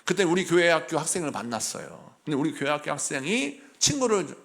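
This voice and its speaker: A middle-aged man, a senior pastor, preaching a sermon in an animated storytelling way and acting out the people in his stories. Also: on the high side, brisk.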